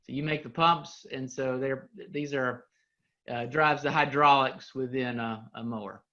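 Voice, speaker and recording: A man's voice: medium pitch, steady tone, a little slow, pushed and bright, muffled recording. A man co-presenting a live online training session, casual and self-deprecating, inviting the audience to join in.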